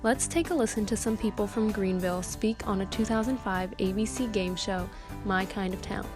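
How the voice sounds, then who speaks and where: Brief: student narrator, woman, steady mid pitch, backing track. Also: normal speed, over music. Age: young adult. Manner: clear, explanatory reading. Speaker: student presenter. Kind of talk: scripted class presentation narration.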